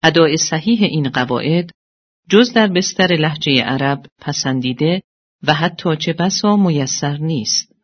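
Formal measured lesson narration. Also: medium pitch, lively intonation. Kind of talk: scripted narration. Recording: dull lo-fi audio.

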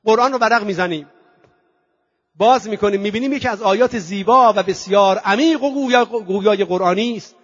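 A man preaching with a high-pitched voice, recorded dry and a little dull. He draws out quoted verses in loud, slow chanting and then turns chatty, sprinkling in English terms. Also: dry recording. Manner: chants Arabic verses slowly and loudly, then explains in conversational asides; drops in English words. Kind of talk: sermon on Quranic verses.

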